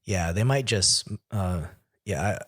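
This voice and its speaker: Low-voiced man sharing practical tips. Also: slow pace. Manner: relaxed, shares tips from experience. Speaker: podcast co-host. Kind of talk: casual technical chat.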